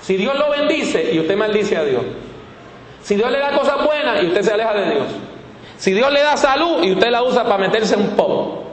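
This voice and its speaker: A male preacher retelling a Bible story in an animated, folksy way, with rhetorical questions to the congregation. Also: sits high, normal speed. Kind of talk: storytelling sermon. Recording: echoey hall, faint room noise.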